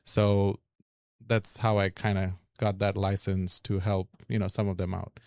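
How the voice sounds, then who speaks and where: A man's voice: sits low, little pitch movement, unhurried, a little mellow, clear, resonant tone, no echo, clean studio sound. A man from Fiji with a Fiji Indian accent and Fiji Hindi as his first language, talking conversationally on a panel. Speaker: real estate agent and lender on a panel.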